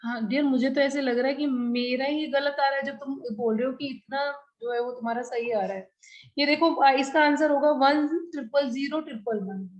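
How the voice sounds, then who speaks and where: A woman teaches a live online class and walks her students through every step. Her voice sits high. She stays patient and calls the students dear. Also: normal speed, lo-fi sound.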